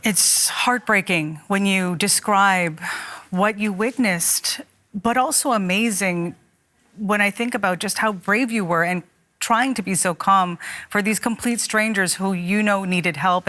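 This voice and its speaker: A woman interviewing for broadcast news in a sympathetic, measured way. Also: medium pitch, fairly bright tone.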